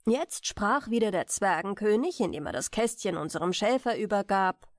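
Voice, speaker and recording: A woman storyteller narrating a German fairy tale in a measured, expressive bedtime manner. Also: medium pitch, no room sound, studio quality.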